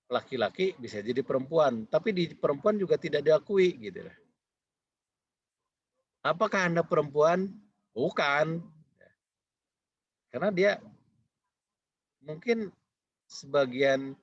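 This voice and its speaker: Husky-voiced man lecturing, dull recording. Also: on the low side. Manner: rambling, repetitive, with many fillers.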